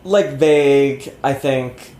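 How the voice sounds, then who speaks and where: A man's voice: medium pitch, slow pace, warm tone. A man in his thirties, interview guest, chatting casually and rambling with lots of fillers and easy laughter. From born in Connecticut, raised in Georgia. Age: 30s. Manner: rambling, self-deprecating, laughs easily, many fillers. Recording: roomy sound with faint ambience.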